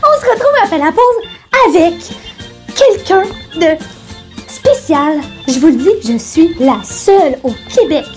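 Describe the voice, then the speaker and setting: A woman with a Quebec French accent hosting a campy parody of a local TV show, bubbly, giggly and excitable. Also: very high voice, measured pace, faint music behind. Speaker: TV host.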